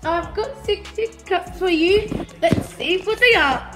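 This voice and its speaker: Very high-pitched excitable play-acting female voice. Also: takes it slowly. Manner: excitable, jumps between voices. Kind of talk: playful toy play-acting. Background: background music.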